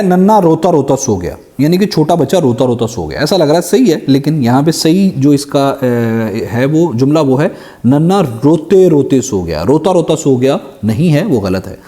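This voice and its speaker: A young man teaching an exam-prep grammar lesson, reading sentences slowly and explaining each correction, with English phrases mixed in. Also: mid-range voice, dark tone. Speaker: Urdu teacher.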